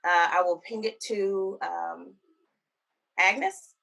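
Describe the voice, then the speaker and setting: A woman introducing herself as a director on an online panel, speaking in a measured way with frequent pauses. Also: medium pitch, vocal fry, pushed and bright. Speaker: veterans health director. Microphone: video call.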